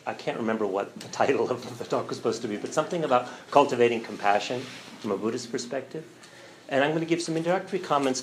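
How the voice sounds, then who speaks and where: A middle-aged man, a religion professor, giving a relaxed, thoughtful lecture with fillers and a light sense of humor. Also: medium pitch, a little hiss or hum, poor audio. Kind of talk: lecture to a church audience.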